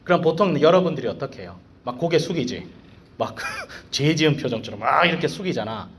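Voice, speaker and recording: Guy preacher talking to students, slangy, lively voice sitting a bit high, throws lots of questions. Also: fairly quick. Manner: animated, slangy, full of rhetorical questions. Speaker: school evangelist and teacher. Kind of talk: casual devotional sermon to students.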